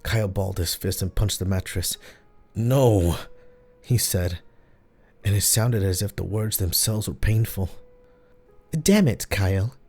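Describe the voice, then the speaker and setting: Dark, husky male horror narrator. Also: low-pitched, fairly even intonation, moderate pace. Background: faint piano music.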